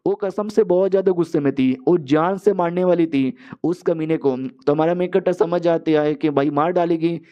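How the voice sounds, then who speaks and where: A man's voice: fairly high pitch, normal speed, muffled recording. A young man narrating a story recap in a casual, chatty way, often calling listeners brother.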